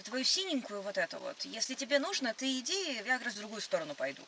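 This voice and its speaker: A woman's voice: a little high, sing-song, quick pace, pushed and bright, a little hiss or hum. A woman in casual date banter, answering in a dry, teasing and firmly polite way. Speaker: date in a prank video.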